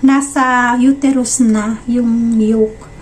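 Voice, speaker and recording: A pregnant woman in her thirties with a high voice talks casually to her viewers and acts out what people said to her. There is a faint hiss of noise behind her. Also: slow. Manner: chatty, animated retelling with quoted dialogue. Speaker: vlogger.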